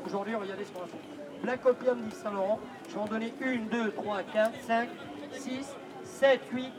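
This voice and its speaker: A man hawking at a street fair with loud barker's patter, insistent, repetitive and teasing toward his listeners. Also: sits high. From France. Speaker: street-fair perfume pitchman. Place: outdoors at a busy street fair. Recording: outdoor street fair with crowd noise.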